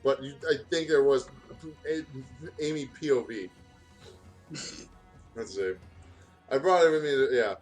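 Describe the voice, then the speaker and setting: A gaming video host reads fan fiction aloud in a man's medium-pitched, unhurried voice with long pauses. It's a casual read where he stumbles over words and stops to comment. Music plays behind him.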